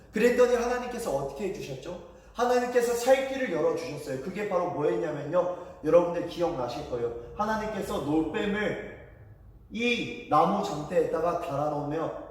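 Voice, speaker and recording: A man preaching to children at a church service, telling a Bible story in simple, lively terms. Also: sits high. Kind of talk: children's sermon. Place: church hall. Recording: echoey hall from far off.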